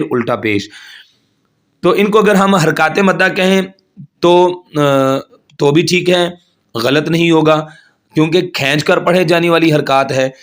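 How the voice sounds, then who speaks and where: A man teaches tajweed in a steady, patient way. He explains each rule step by step, often checks in with his students, and recites the Arabic examples slowly with long held sounds. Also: on the high side. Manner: patient, repeats each point and checks in with "theek hai"; chants Arabic words slowly and stretched out. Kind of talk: tajweed lesson.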